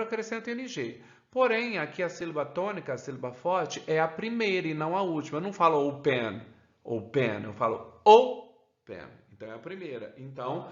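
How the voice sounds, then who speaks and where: A man with a Brazilian Portuguese accent teaches an English grammar lesson, keeps adding "né?" and says the English examples slowly. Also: a little high, fairly bright tone. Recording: roomy, dull lo-fi sound.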